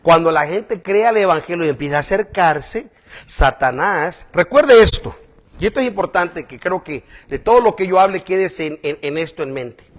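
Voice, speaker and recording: A man preaching a conversational sermon to a congregation, often checking in with "¿verdad?" and swinging between loud emphatic lines and quiet asides. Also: high voice, expressive, moderate pace.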